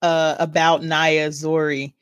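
A woman's voice: sits low, flat delivery, slow, lo-fi sound. A woman hosting a podcast interview, asking upbeat, brief questions with a few fillers. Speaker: podcast host.

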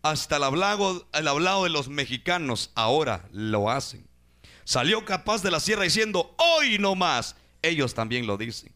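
A man's voice: fairly high pitch, sing-song, moderate pace, sharp tone. A man from Guatemala, preaching a sermon in an emphatic, exhorting way, often calling out to the brethren. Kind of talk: sermon commenting on videos.

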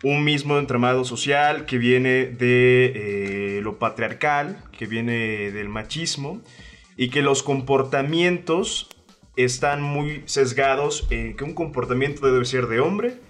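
A man co-hosts a casual podcast conversation. He explains social ideas in a thoughtful, measured way, using a middle pitch. Faint music plays behind him. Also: fairly bright tone. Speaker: co-host.

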